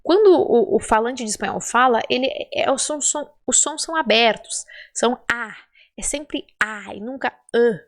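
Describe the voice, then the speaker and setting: A woman's voice: fairly high pitch, normal speed. A woman with a Brazilian Portuguese accent, a Spanish teacher giving a pronunciation lesson, drawing out sounds in exaggerated demonstrations and checking in often. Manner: chatty and encouraging, with frequent check-ins.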